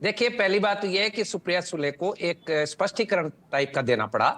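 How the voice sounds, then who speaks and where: A man giving measured commentary as a political analyst on a TV panel. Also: high-pitched, expressive, a bit bright.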